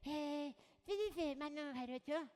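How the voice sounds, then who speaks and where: A man's voice: extremely high pitch, animated, rapid-fire, long reverb tail. A man voicing a shy, skinny teenage boy who asks to join a church group. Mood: hesitant.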